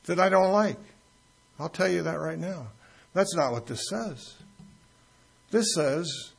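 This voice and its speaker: A pastor preaches an expository sermon with anecdotes in a church, staying conversational and joking with the congregation as he tells stories. His voice is a little high, gravelly, and has a breathy edge.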